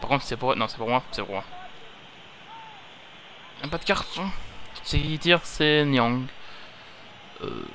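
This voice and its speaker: Young guy rambling over a football game, bright slightly high voice, bit of hiss. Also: lively intonation, slow, pauses often. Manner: chatty, rambling, self-correcting. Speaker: gaming YouTuber. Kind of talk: casual gameplay commentary. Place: home gaming setup.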